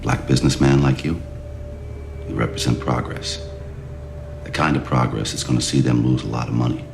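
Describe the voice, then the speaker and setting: An actor playing a tough, unyielding American police detective in a film drama, questioning a suspect in a blunt, deadpan way. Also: male voice, rumbling low, moderate pace, creaky, heavily acted. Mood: pressing. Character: tough, unyielding male cop, calm and determined. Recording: echoey room with music underneath.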